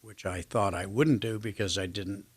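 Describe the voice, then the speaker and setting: With a husky, lowish voice, fairly even intonation, and a moderate pace, an older American man chats as an interview guest. He trades casual anecdotes, reflective and self-deprecating, groping his way through each sentence.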